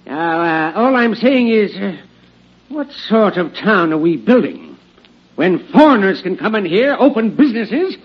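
An actor playing a scheming small-town banker in an old radio western, stirring up a crowd in an oily, wheedling manner. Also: male voice, sits high, big pitch swings, measured pace, breathy edge, exaggerated voice. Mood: rousing. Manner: rabble-rousing, wheedling and oily. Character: scheming smooth-talking small-town banker, male, middle-aged. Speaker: villain. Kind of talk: 1940s radio acting. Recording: dull old radio recording.

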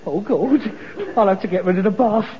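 An actor playing a fussy, exasperated middle-aged working-class son in a British sitcom, scolding theatrically in a London accent. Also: male voice, high voice, fairly quick, lightly acted. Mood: weary grumbling. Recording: dull, noisy, reverberant old broadcast recording.

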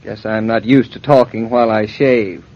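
An actor playing a wry, affectionate young husband in an old-time radio drama, gently teasing. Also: male voice, lowish voice, fairly even intonation, moderate pace, natural voice. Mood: grumbling, good-humored. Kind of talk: 1950s radio drama acting. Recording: muffled old radio transcription.

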